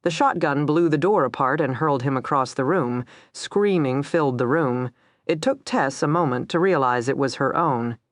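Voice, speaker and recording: A woman narrating a dark crime thriller audiobook, tense and steady, voicing every character herself. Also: very deep voice, moderate pace, dry recording, studio quality.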